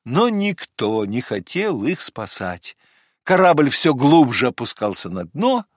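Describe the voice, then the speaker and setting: A man narrating a fairy tale audiobook in an expressive, measured storytelling manner. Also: medium pitch, dry recording, clean studio sound.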